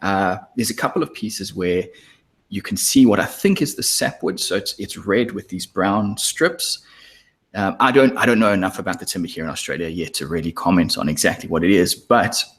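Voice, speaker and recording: A man's voice: low-pitched, moderate pace, a bit bright, breathy edge. A man co-hosting a casual podcast from his woodworking workshop, explaining his build step by step. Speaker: podcast co-host. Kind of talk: casual chat.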